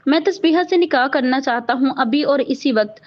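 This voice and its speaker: A woman's voice: sits high, normal speed, natural voice. A woman reading the lines of a proud, vengeful young doctor in a cold, biting tone. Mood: insistent. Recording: dull lo-fi audio.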